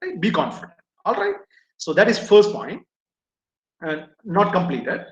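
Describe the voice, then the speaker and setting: A man's voice: high-pitched, wildly swooping pitch, unhurried. A man with an Indian English accent, lecturing engineering students on job interviews. He repeats his points and keeps asking "right?". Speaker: placement trainer. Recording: echoey, dull lo-fi room sound.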